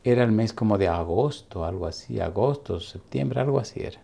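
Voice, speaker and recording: A middle-aged male pastor telling a story in a sermon, speaking slowly and deliberately with dramatic pauses. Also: on the low side, expressive, creaky, warm tone.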